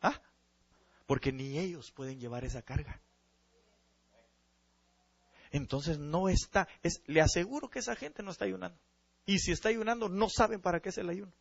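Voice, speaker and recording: A male pastor preaching a sermon, animated and often calling out to his listeners. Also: sits high, brisk, gravelly, dry recording, dull audio.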